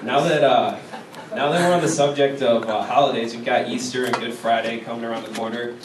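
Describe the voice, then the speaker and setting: A man's voice: mid-range voice, steady tone, a little fast. A young American man doing a casual, conversational stand-up comedy set before a laughing crowd. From Chicago, United States. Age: young adult. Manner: casual, conversational delivery with frequent "like". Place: live stand-up show in a university venue. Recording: echoey, distant, noisy live room recording.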